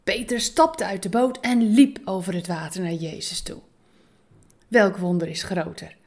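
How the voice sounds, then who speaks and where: A woman's voice: fairly low pitch, a little slow, darkish tone. A woman giving a devotional talk in an earnest, encouraging way, asking the listener questions and urging them on. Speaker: devotional speaker.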